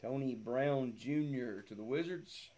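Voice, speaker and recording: Break host, male, mid-pitched, names each card as it is pulled. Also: unhurried, mellow. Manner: reads out player names, joking asides. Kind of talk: live card-opening commentary.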